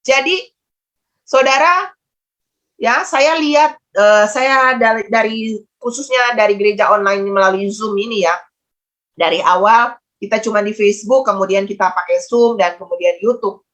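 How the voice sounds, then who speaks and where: A woman's voice: medium pitch, moderate pace, a bit bright. A woman pastor preaching a sermon and telling stories, often turning to the congregation with questions and calls to respond. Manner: storytelling, asks the congregation to respond; preaches with frequent ya and Bapak Ibu. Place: church streamed online.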